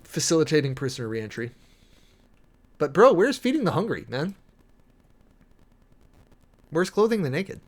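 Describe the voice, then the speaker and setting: This political livestreamer talks at a moderate pace, pausing often, his slightly high voice rising and falling widely. Informal and opinionated, he stresses points by repeating phrases.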